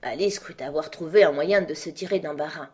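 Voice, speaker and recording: A woman narrating an audiobook in a measured storytelling voice, dropping lower and softer for the narration. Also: breathy edge. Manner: measured storytelling, dropping low and soft for the tags. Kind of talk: scripted narration.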